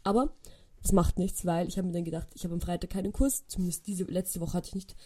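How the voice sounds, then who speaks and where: A woman's voice: on the low side, steady tone, fast talker, dark tone, husky. A woman in her twenties with an Austrian accent, chatting casually on her podcast, telling stories and mixing in English phrases. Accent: Austrian German. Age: 20s. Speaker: podcast host. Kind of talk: casual solo chat.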